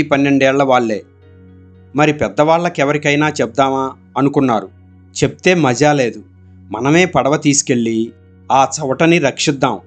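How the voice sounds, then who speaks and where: A male narrator reads a village story aloud in a steady, expressive audiobook style. His voice sits at an ordinary middle pitch, and soft music plays faintly underneath the narration.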